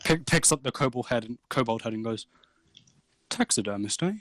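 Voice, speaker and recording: A man's voice: mid-range voice, fairly bright tone, no room sound, poor audio. Casual man running a tabletop game. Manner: casual, halting narration with many fillers. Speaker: game master. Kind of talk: narrating a tabletop game over voice chat. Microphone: voice chat mic.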